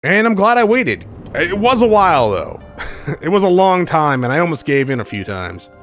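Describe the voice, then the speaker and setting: Guy doing casual let's play chatter, rambly, really lively pitch, game music behind him. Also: normal speed. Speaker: let's player and host. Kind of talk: casual gaming commentary.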